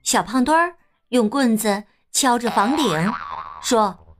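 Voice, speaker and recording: Woman storyteller, children's picture book, gentle, expressive, slow, lively pitch, faint music.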